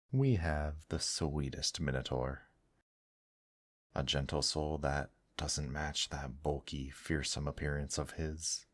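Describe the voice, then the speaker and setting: In an ASMR-style roleplay, a man plays a demon host with an extremely deep, exaggerated voice, speaking slowly and intimately. Suave and courtly, he gently teases the listener with old-fashioned pet names, his mood smooth and suggestive.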